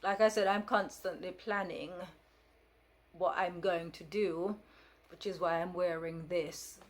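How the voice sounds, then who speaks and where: A woman in her fifties, a vlogger whose first language is Jamaican Patois, tells a story to camera. She rambles casually, with lots of fillers and restarts and a firm, frank edge, and her voice is on the low side, steady and unhurried.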